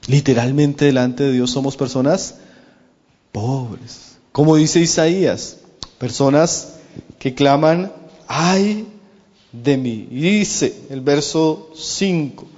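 A man delivering a sermon with a high, light voice, stretching out his quoted verses slowly and earnestly. His words ring out with a long reverb across a church hall, and the recording sounds a little dull and muffled. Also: darkish tone. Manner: earnest preaching with slow, drawn-out emphasis on quoted verses; addresses listeners as brothers. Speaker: preacher.

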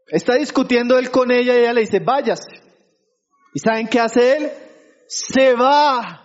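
Pastor, male, very high voice; sermon with rhetorical questions to the congregation, muffled recording. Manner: keeps asking the congregation for agreement; addresses listeners as brothers.

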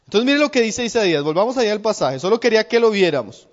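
A man delivering a sermon with a high, light voice, stretching out his quoted verses slowly and earnestly. His words ring out with a long reverb across a church hall, and the recording sounds a little dull and muffled. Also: sing-song. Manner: earnest preaching with slow, drawn-out emphasis on quoted verses; addresses listeners as brothers. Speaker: preacher.

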